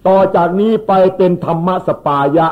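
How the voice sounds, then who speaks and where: A man, a monk, giving an unhurried Dhamma sermon that explains Pali terms and repeats his words. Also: high-pitched, flat delivery. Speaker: Buddhist monk. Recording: tinny phone-like recording.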